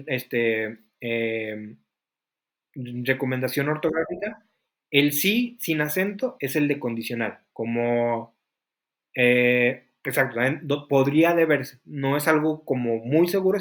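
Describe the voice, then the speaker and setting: A man teaching a class, explaining points step by step and asking students questions. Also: medium pitch. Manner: explanatory, asks the class questions, frequent fillers. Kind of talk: classroom lesson.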